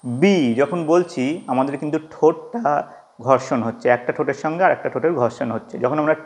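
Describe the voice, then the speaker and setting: A man teaching English pronunciation in Bengali, who asks questions and then answers them himself, and says example words slowly to show the sounds. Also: mid-range voice. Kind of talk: explaining pronunciation.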